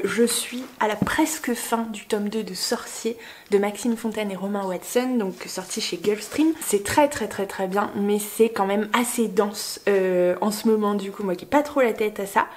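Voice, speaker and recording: A young woman vlogging casually, excitedly gushing over a book gift she unboxes. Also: medium pitch, moderate pace, slight background noise. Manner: gushing, excitable, many exclamations.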